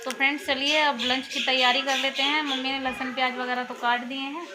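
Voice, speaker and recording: A woman's voice: sits high, level tone, a little fast. A woman vlogging casually from her family home, chatting and explaining things step by step. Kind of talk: casual home vlog talk. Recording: noisy phone recording at home.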